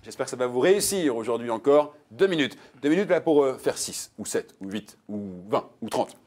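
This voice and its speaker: This quiz show host has a mid-range voice and talks fairly quickly. Reading out multiple-choice options with animated emphasis, he keeps things jokey and playful with the contestants.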